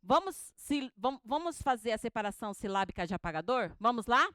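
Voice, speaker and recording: A woman teaching a homiletics class, animated and questioning, who drills words syllable by syllable with her students. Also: on the high side, a little fast, no room sound. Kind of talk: classroom lecture.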